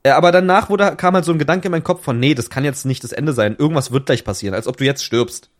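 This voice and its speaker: Young male podcast co-host, slang-heavy storyteller, slightly high voice, lots of self-corrections. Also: fast. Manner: slangy, restless retelling with many restarts. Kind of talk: casual chat, storytelling.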